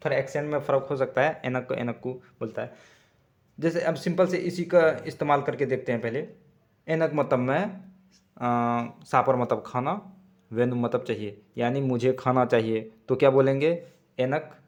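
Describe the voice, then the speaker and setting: Halting Hindi-speaking male tutor. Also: mid-range voice. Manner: halting, self-correcting, repeats words slowly. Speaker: language teacher. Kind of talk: casual spoken lesson. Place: Tamil-speaking region.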